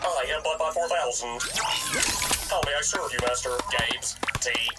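An actor voicing a polite, servile male robot butler in a cartoon, speaking in a smooth android voice. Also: mid-range voice, moderate pace. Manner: polite, formal, eager to serve. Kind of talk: cartoon voice acting. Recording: distant voice under loud cartoon music.

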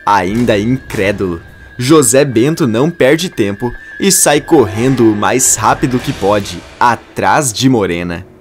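A man reading a scripted soap opera recap in a brisk, dramatic way. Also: medium pitch, animated, soft background music. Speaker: narrator.

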